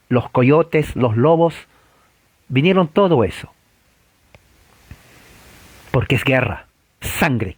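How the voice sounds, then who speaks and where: A man preaching a sermon, provocative and full of rhetorical questions, swinging from loud to low. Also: no echo.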